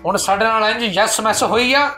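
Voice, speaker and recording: A man's voice: high-pitched, fairly quick, pushed and bright, faint music behind. A man with a Pakistani Punjabi accent, eager and deferential in a comedy sketch.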